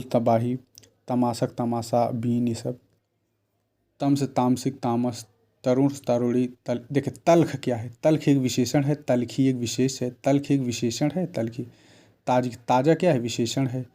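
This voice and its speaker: A man's voice: medium pitch, mellow. A man teaching a grammar lesson, reading off word lists and asking and answering his own questions.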